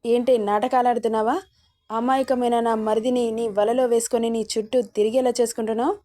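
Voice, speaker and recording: A woman's voice: a little high, little pitch movement, fairly quick, dark tone, lightly acted. A woman voicing a haughty sister-in-law who taunts and threatens a maid. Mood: scornful.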